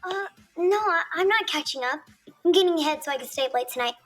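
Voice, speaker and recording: A woman's voice: very high voice, lively intonation, fairly bright tone. Sassy wild-child teen girl. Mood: sleepy excuse. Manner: sassy, quick comebacks. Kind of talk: sitcom acting. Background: background music.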